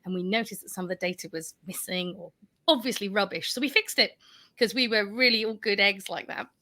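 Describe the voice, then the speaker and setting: Bright, lively woman storyteller. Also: medium pitch, brisk. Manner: lively, self-deprecating, laughs through her story. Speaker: panel guest. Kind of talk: anecdotal storytelling on a panel.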